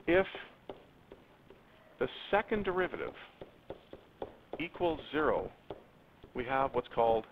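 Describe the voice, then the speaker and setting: Lively male math teacher, tinny recording. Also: medium pitch. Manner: lively, stretches words, spikes up on key terms; addresses students directly. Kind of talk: classroom lesson recording. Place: classroom. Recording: tinny lo-fi phone-like classroom recording, faint noise.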